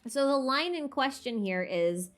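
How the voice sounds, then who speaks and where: A woman with a high-sitting voice chats in an animated yet unhurried way on her livestream, music playing behind her. She rambles informally about a game's lore, thinking aloud as she goes.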